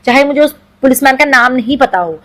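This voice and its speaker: A woman teacher, explaining grammar in Hindi and reading examples slowly. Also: high voice, expressive, fairly bright tone, poor audio. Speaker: English teacher. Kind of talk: exam-prep grammar lecture.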